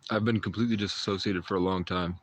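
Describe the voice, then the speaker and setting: This livestream host, a man in his twenties, has a low, steady voice and talks fast over some background noise. His chat with viewers wanders in a mystical direction, full of restarts and quick chuckles.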